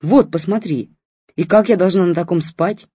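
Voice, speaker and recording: A reader voicing a loud, demanding aunt who complains and shouts. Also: mid-range voice, moderate pace, breathy edge, no room sound, lo-fi sound, lightly acted. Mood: complaining.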